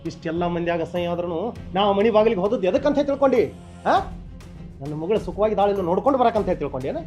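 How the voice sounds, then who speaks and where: A man plays a scheming father who soothes one moment and gloats the next. His voice sits high and swings widely in pitch, and faint music plays behind him. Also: lively intonation, fast, a little mellow. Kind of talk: rural family drama acting.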